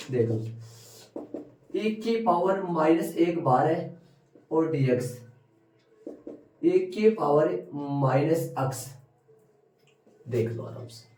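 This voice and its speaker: Male maths teacher, high voice, repeats steps and quizzes pupils; far mic, roomy classroom. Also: dark tone, slight background noise. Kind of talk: classroom lesson at a board.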